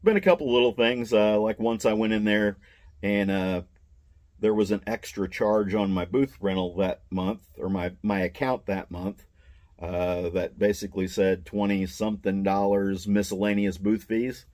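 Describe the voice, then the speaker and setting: An older, retired man with a lowish, darkish voice tells a meandering, plain-spoken first-person story about trouble he had as a vendor at a mall booth. He speaks casually at a moderate pace in a steady tone.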